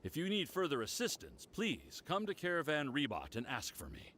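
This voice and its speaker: An actor playing a brisk, dutiful guard captain in a video game, with a formal, commanding manner. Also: male voice, a little high, huge pitch swings, a bit bright, a little hiss or hum.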